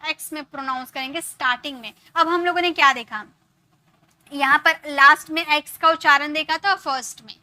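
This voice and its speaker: Bright, high-voiced woman teaching English. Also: no echo. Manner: explains step by step, repeats example words, checks in with "ok". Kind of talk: online grammar lesson.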